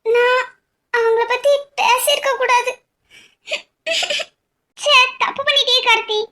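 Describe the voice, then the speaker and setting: A young cartoon wife, very high, bright, clingy, pleading and teasing. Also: female voice, steady tone, measured pace, full character voice. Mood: regretful. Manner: pleading and teasing, often tearful. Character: young wife Karthi, affectionate, emotional, clingy. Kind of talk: cartoon voice acting.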